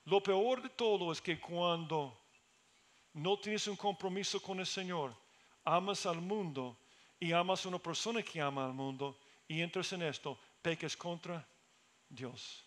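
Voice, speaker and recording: A middle-aged man with a high, light voice preaches a sermon. He speaks earnestly and swells into emphatic, fervent peaks before settling back to calm explanation. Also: unhurried. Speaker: pastor.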